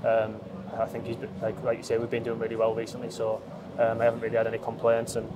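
A footballer in his twenties gives a post-match interview outdoors in empty stadium stands, recorded on a handheld phone held up close with background noise. His medium-pitched voice is completely flat and fast, and he hesitates with many ums and restarts.

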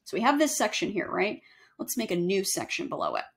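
A young woman giving a casual screen-share software tutorial, chatty and self-correcting as she walks through each step. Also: mid-range voice, wildly swooping pitch, a little fast, gravelly. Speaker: email marketing instructor. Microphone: webcam overlay on screen recording.

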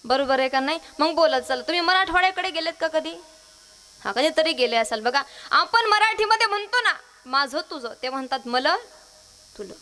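A woman from Maharashtra delivers a devotional kirtan sermon. Her voice sits high and rings bright and clear. She draws answers out of the listeners and breaks into sung verse. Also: expressive, fairly quick. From Maharashtra, India. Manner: call-and-response, quizzing the audience, sings verses. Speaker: kirtankar preacher.

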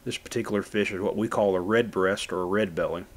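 A man's voice: low-pitched, steady tone, fast talker. A man from Florida narrating his own fishing footage in a plain, folksy how-to manner. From Florida, USA. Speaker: fishing channel host.

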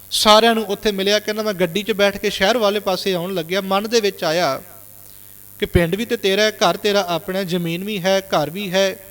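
A man's voice: high voice, a bit bright, long reverb tail. A male Sikh preacher from Punjab telling a moral story in a sermon, constantly retelling what others said. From Punjab, India. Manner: retells reported speech with constant "he said" tags.

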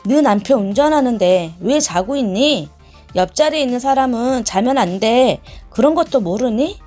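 A woman's voice: a little high, expressive, moderate pace, a little mellow, soft background music, natural voice. A woman voicing a nagging middle-aged mother-in-law who pesters with reproachful questions in a read-aloud story.

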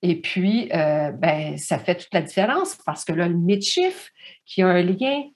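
A woman's voice: lowish voice, animated, measured pace. A woman with a Franco-Manitoban French accent, speaking as a panelist in a discussion, thoughtful and often restarting her sentences. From Manitoba, Canada.

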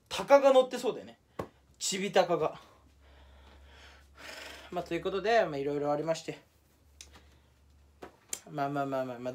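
A young man talking casually to camera in a solo vlog, rambling and self-mocking, slipping into mock Kansai dialect for fun. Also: high-pitched. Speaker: YouTuber.

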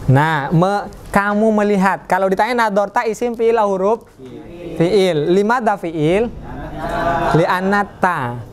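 A man's voice: high-pitched, slow pace, crowd noise. A man teaching an Arabic class in a mosque, joking with his students and quizzing them as he goes. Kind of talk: classroom lesson.

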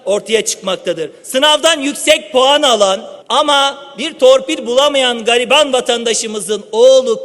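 A man's voice: very high voice, fairly bright tone. A man, a politician, giving an emphatic speech at a podium microphone in a large chamber, repeatedly addressing the room. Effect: speaking at a podium microphone. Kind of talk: parliamentary floor speech. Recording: long hall reverb.

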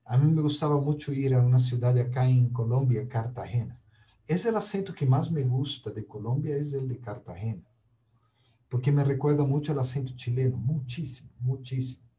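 Very dark-voiced man with a Brazilian accent. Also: mid-range voice, distant mic. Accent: Brazilian Portuguese. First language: Portuguese. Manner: unhurried, often ends points with "¿ya?". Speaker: spiritual speaker. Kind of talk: reflective conversational talk.

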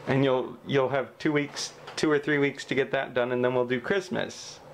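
A man's voice: medium pitch, steady tone, normal speed, slight background noise. A man in his thirties chatting and joking into a handheld camera in a cluttered living room at home. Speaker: family vlogger. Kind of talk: casual home vlog.

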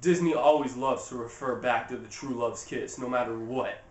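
A man's voice: mid-range voice, steady tone, normal speed, distant mic. A young man giving a comedic movie recap, profane, slangy and sarcastic. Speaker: YouTuber. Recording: roomy echo.

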